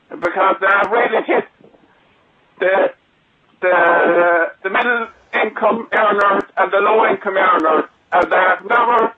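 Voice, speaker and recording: A man from Galway with a west of Ireland accent, calling a radio phone-in and speaking haltingly as he searches for words. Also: sits high, husky. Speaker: phone-in caller. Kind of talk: hesitant personal account on a radio phone-in. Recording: muffled phone line on radio.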